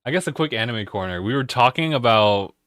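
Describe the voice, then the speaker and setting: A man co-hosting a gaming podcast, explaining things casually with pauses. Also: mid-range voice, animated, a bit bright, no echo, studio quality. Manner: measured, explaining with pauses and fillers. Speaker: podcast co-host. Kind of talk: casual chat.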